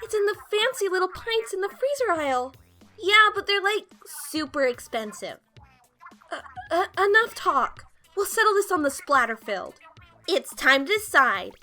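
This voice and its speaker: A woman's voice: extremely high pitch, sing-song, normal speed, pushed and bright, soft background music, heavily acted. A woman voicing bubbly young pop-idol squid hosts in playful, slangy, teasing video game banter. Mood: teasing, argumentative.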